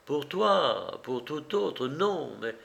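A man's voice: fairly high pitch, expressive, extremely slow, creaky, fairly bright tone, heavily acted. A man voicing a proud, stern noblewoman, speaking solemnly and resolutely. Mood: proud resolve.

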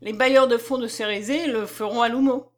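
A woman reading the lines of a shrewd male provincial lawyer in an audiobook, brisk and self-assured. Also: a little high, steady tone, close to an everyday voice. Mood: persuasive. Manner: brisk, confident persuasion.

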